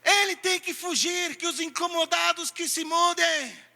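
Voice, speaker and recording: A man preaching a sermon as pastor, swinging between loud calls and hushed asides. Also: very high-pitched, measured pace, creaky.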